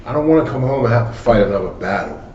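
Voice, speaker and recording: A podcast co-host rambles casually, restarting sentences and swearing offhandedly. He races along in a mid-range, slightly mellow voice with big pitch swings. The recording sounds like an echoey room with a distant, dull mic and a faint hum.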